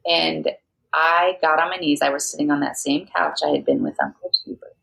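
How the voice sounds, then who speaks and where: A woman guest on a podcast, telling a personal story in a lively, anecdotal way and laughing often. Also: deep voice, normal speed, creaky, low-quality recording. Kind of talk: storytelling in conversation.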